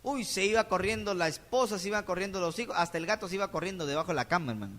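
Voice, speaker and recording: A man's voice: high-pitched, animated, very fast, fairly bright tone. A man with a Peruvian Spanish accent preaching a sermon as pastor, firing rhetorical questions at the congregation. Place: church sanctuary. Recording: church hall reverb.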